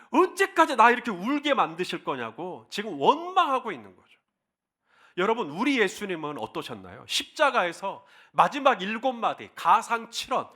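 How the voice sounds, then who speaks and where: A male pastor delivers an impassioned sermon, his voice high and bright. His pitch leaps widely as he calls out verses for the congregation to repeat and voices the cries of the people he quotes. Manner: leads the congregation in call-and-response scripture reading.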